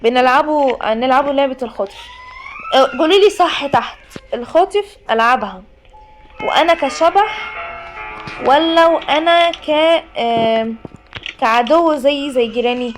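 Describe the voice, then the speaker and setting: A woman's voice: high-pitched, lively intonation, normal speed, long pauses. A woman with an Egyptian Arabic accent giving chatty, jokey commentary on a horror game, often pleading with the game and talking to it. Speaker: gaming YouTuber. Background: game music.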